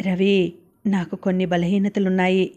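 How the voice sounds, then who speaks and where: A woman narrator voicing a bold, frank young college woman who speaks calmly and firmly, in a storybook. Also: lowish voice, normal speed, natural voice.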